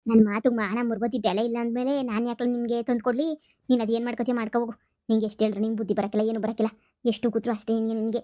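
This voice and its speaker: A woman's voice: a little high, level tone, quick pace, no room sound, muffled recording, lightly acted. A woman voicing a stern, exasperated village mother-in-law in a cartoon comedy, speaking. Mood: angry. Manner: sharp, scolding, exasperated.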